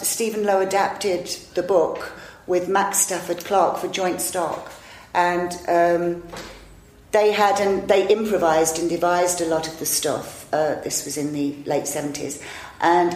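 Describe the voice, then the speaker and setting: Speaking in a fairly low, slightly mellow voice, an actress and improviser in her fifties tells long, meandering stories as an interview guest, poking fun at herself in a chatty way. The room she's recorded in is echoey.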